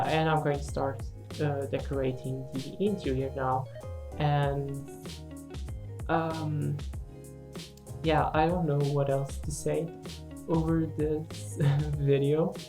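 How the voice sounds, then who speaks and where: Low, unhurried woman, non-native English speaker. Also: steady tone, warm tone, soft background music. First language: not English. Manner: self-deprecating, hesitant. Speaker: gaming video creator. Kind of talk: casual unscripted voice-over commentary.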